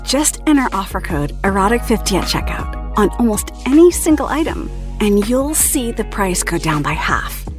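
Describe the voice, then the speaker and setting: A woman host delivers a bubbly, playful ad read. Her pitch jumps around in a lively way, and soft music plays faintly behind her. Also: normal speed, hardly any pauses. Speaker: podcast host. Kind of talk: upbeat ad read.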